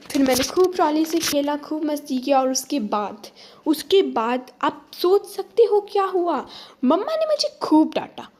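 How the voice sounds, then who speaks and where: A woman's voice: high voice, big pitch swings, moderate pace, a little mellow, slight background noise. A woman voicing a mischievous, boastful little boy, narrating his day in a playful sing-song way with lots of repetition.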